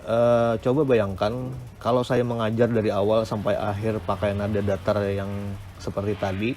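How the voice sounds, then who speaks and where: A man's voice: on the low side, little pitch movement, moderate pace, darkish tone, a little hiss or hum. A man giving an academic lecture on speaking technique, explaining step by step with frequent hesitant "eh" fillers.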